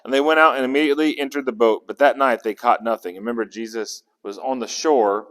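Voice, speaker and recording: A Bible teacher with a medium-pitched, somewhat bright voice moves at a quick pace through an interactive study. He talks casually, asks his group questions and restarts words, heard in a long-echoing hall.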